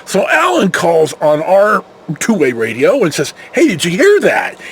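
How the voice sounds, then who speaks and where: This older American man, a former security patrol officer, has a high, fairly bright voice whose pitch swoops wildly while his pace stays measured. He tells loose, wandering anecdotes, acting out the dialogue and swearing freely.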